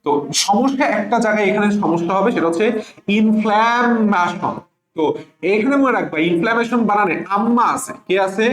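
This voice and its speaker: A man with a Bangladeshi accent teaching a spelling lesson for exam prep, slowly drawing out each word letter by letter. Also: high-pitched. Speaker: English teacher. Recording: echoey room.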